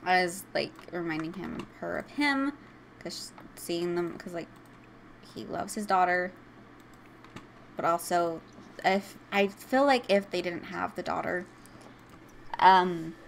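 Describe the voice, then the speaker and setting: A woman's voice: on the low side, animated, slow pace, gravelly, pauses often, a little hiss or hum. A young woman giving chatty, emotional commentary while playing a life-sim game as a video host. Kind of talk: casual gameplay commentary.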